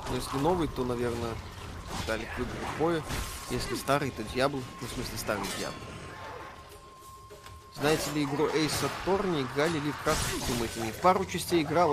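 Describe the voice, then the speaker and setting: A man hosting a live gaming stream, reading viewer questions aloud and answering in a dry, offhand way. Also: mid-range voice. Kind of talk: casual live stream chat. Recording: stream with background music. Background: music playing.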